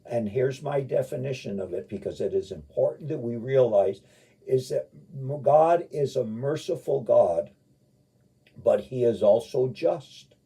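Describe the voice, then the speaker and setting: A man preaching and teaching the Bible in an informal, folksy, rambling way with emphatic repetition, his husky voice caught in muffled live radio sound. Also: mid-range voice, mellow. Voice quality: husky, gravelly.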